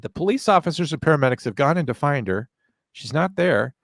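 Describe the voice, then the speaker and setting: A man's voice: on the high side, animated, a little fast, gravelly, dry recording, studio quality. A man hosting a casual commentary show, explaining things in a sardonic way.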